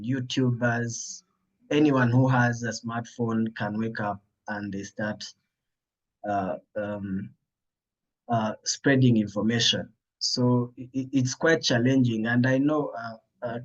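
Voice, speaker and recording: A man with an East African accent speaking haltingly and hesitantly in an unscripted panel discussion on a video call. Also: mid-range voice. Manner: halting, hesitant delivery with frequent long pauses. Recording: dull lo-fi online call audio.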